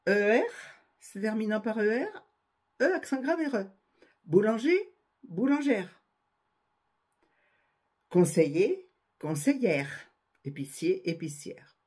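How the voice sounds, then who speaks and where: A woman gives a grammar lesson, spelling out endings and reading word pairs one by one. Her voice is a little husky, and her pitch rises and falls a great deal. She speaks unhurriedly, stressing each ending. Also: big pitch swings, slow pace, long pauses, a little mellow. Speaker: French grammar teacher. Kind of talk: slow spoken grammar lesson.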